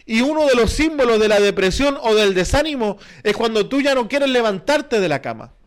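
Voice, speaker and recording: A man with a Chilean Spanish accent preaches to his congregation. His voice sits very high, and he presses his points earnestly, circling back with repeated phrases and rhetorical questions. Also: big pitch swings, fairly quick, clean tone. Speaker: pastor. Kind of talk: sermon.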